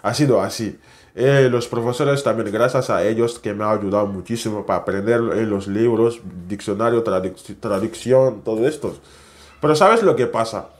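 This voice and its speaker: Young man, speech; animated casual vlogger. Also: lowish voice, normal speed. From West Africa. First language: French. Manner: animated, chatty, non-native Spanish with tag questions. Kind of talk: casual storytelling to camera.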